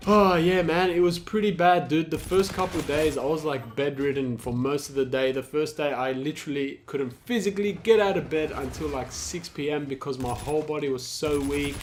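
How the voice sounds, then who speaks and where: A man's voice: a little high, moderate pace, few pauses, a little hiss or hum. Congested young man, casual swearing vlog. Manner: animated, swearing, slangy, says man a lot. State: congested from flu. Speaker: gaming YouTuber.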